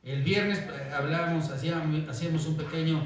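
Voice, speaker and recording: A man preaching a sermon as pastor, telling stories with lively acted-out voices and often asking "¿verdad?". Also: a little high, fairly quick, far from the mic. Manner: animated storytelling, acts out quoted voices, asks "¿verdad?" often. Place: church. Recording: echoey church, voice from off-mic.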